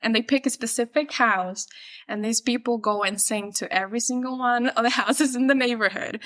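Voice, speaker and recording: A woman's voice: a little high, normal speed, a bit bright. A woman from the Dominican Republic chatting casually on a podcast as a guest, laughing often and filling with "like". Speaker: guest, production team member.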